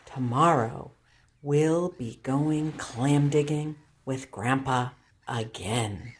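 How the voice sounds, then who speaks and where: Acting as a storytime teacher, a bass-voiced woman reads a picture book to young children with careful, expressive delivery. There's a slight hiss or hum in the background.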